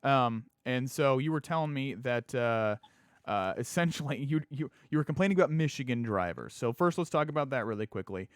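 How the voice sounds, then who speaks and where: Young male host, casual live chat, upbeat, halting with fillers, dry close sound. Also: mid-range voice, expressive, clean tone, no room sound. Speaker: radio show host. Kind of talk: casual live-stream chat with sponsor plug. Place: at a chrome parts shop.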